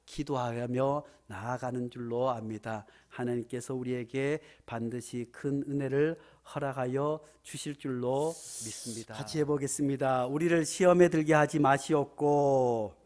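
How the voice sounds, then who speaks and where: A male pastor preaching a Sunday sermon in a church sanctuary, animated and building to emphatic exclamations. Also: mid-range voice, unhurried, few pauses.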